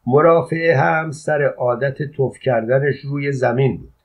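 A man doing a calm, coolly scolding soldier servant. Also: medium pitch, natural voice. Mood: formally dutiful. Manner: unruffled, formal, coolly scolding. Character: calm, polite-mocking soldier servant, middle-aged man. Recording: dull lo-fi audio.

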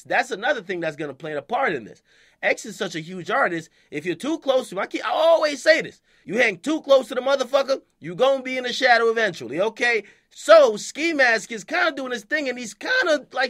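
Young male online commentator; high, piercing voice; slangy, animated, keeps checking in with "okay?". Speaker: hip-hop news commentator. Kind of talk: casual commentary to camera.

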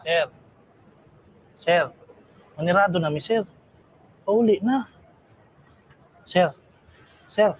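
Slow, high-voiced Cebuano bartender. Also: male voice, heavily acted, low-quality recording. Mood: patient, coaxing. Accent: Cebuano Filipino. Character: polite, patient Cebuano bartender at closing time. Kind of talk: naturalistic film drama. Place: open-air bar at night.

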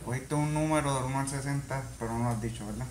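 A man's voice: mid-range voice, rapid-fire. A young man performing close-up magic for barbershop customers, coaxing and playful, switching between English and Spanish. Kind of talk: casual close-up magic patter. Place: indoor barbershop. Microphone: camera mic from across the room. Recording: echoey room, distant mic, loud music.

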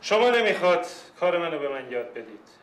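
An actor playing a formal, courteous office clerk in a TV sitcom. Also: male voice, a little high, big pitch swings, slight background noise. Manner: formal and polite. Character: formal, courteous male official handling applicants. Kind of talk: sitcom acting. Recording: echoey room.

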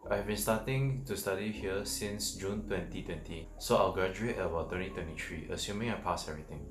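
A young man with a very low voice speaks earnestly and steadily to camera. His answers sound roomy, with music playing softly underneath. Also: fairly quick. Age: young adult. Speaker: art student guest. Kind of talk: direct-to-camera interview answers.

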